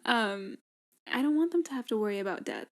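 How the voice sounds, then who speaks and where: Woman co-host, fairly high voice, chatty and quick to laugh. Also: expressive. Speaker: podcast co-host. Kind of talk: casual chat.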